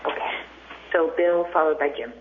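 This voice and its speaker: A man chairing a meeting call on a poorly working speakerphone, his voice muffled and garbled, brisk and procedural. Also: on the high side. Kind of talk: running a board meeting call. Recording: muffled phone line with faint noise.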